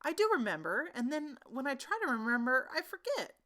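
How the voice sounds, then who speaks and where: Woman as Christopher Robin, eager high-voiced little boy. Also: very animated, fairly quick, a bit bright. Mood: curious, eager. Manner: questioning, innocent, eager. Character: small boy, innocent, curious and caring.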